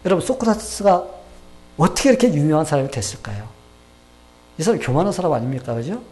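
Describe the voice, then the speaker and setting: A man's voice: fairly high pitch, sing-song, quick pace, warm tone. A male pastor preaching a sermon, telling a story and asking the congregation questions.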